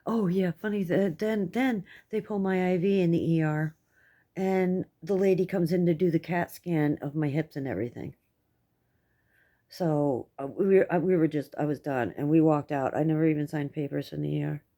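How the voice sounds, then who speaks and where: Low-voiced, toothless middle-aged American woman. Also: fairly even intonation, moderate pace, warm tone. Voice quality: toothless speech, no teeth in. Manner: rambling, candid, coarse-worded. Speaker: vlogger. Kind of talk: casual personal update to camera.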